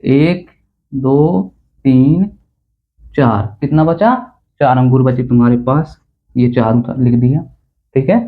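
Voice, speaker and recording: A man's voice: medium pitch, takes it slowly, pauses often. A man teaching a basic math lesson in a chatty, teasing way, checking often that students follow. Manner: chatty, teasing, repeats "theek hai na" to check understanding. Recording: tinny phone-like sound.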